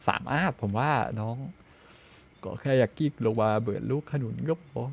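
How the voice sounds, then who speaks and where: A young man streaming a dinosaur survival game, yelping in panic when chased and muttering low when sneaking. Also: normal speed. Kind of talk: excited gameplay commentary.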